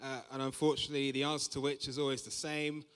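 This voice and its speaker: A young stand-up comedian from Southeast London, with a London accent, performs live on stage at a large comedy venue, telling observational anecdotes conversationally and acting out quoted remarks. His medium-pitched voice is smooth and fairly bright, delivered flat and fast. The stage microphone picks up a reverberant hall.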